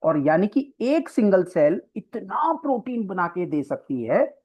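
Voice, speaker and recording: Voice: mid-range voice, sing-song, a little slow, a little mellow. A coaching teacher giving an exam-prep biology lecture in a classroom, explaining step by step and often checking in with the students. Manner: mixes English terms into Hindi explanation. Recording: slightly dull lo-fi lecture recording.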